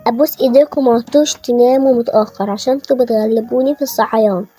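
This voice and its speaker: A woman with an Egyptian Arabic accent voicing a fussy, scolding mother in a toy-game story, with a high, husky, mellow voice. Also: steady tone, very fast, faint music behind. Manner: nagging, exasperated. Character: fussy, scolding mother waking her kids.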